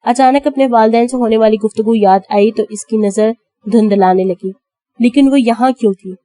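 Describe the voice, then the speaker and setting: A woman narrating an Urdu audio novel dramatically, voicing characters' cries and shouts. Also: fairly high pitch, no echo.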